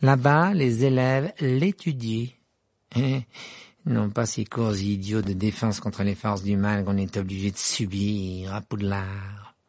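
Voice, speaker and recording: A man's voice: on the low side, steady tone, darkish tone, no room sound, studio quality. A man doing a drawling snobbish young wizard. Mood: sneering. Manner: drawling, slow and sneering. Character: snobbish boy wizard, sneering bully.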